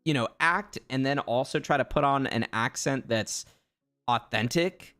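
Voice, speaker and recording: A man, a voice actor hosting a stream, chatting casually in an animated, affirming way. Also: medium pitch, unhurried. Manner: animated, affirming, lots of fillers. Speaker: host, voice actor.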